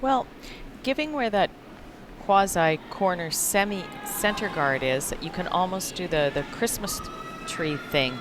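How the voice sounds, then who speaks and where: Low-voiced woman commentating on curling. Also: animated, measured pace, over music. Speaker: curling analyst. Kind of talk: live sports commentary. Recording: noisy sports arena broadcast.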